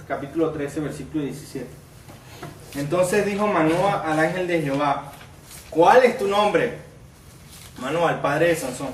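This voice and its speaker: A man's voice: on the high side, reverberant, distant mic, slight background noise. A man preaching a sermon as pastor, reading scripture aloud with rising emphasis and asking the congregation rhetorical questions. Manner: asks the congregation rhetorical questions and calls them brother.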